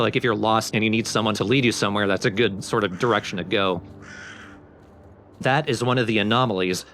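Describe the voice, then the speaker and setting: This let's play commentator has a medium-pitched, fairly bright voice and chats casually while walking through a video game step by step. Game music sits under his speech.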